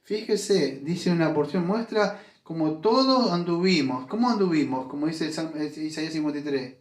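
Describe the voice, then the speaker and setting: A man's voice: fairly high pitch, expressive, moderate pace, roomy sound. A man preaching a sermon as pastor, emphatic and full of rhetorical questions. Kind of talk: Spanish-language sermon. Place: church.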